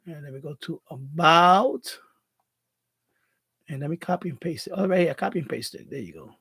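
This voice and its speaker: A man from the Bronx, though born in Puerto Rico, talks at a moderate pace in a voice that sits on the high side, sharp in tone and slightly rough. With his Bronx New York accent, he hosts a live stream, casually reading viewer comments out loud and rambling, often restarting what he says.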